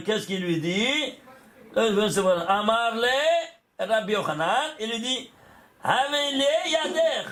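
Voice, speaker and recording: A man's voice: high voice, a bit bright. A man, a rabbi, teaching a Torah lesson, chuckling often, restarting phrases and checking that his listeners follow. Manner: talks directly to listeners, checking they follow; chuckles often while explaining.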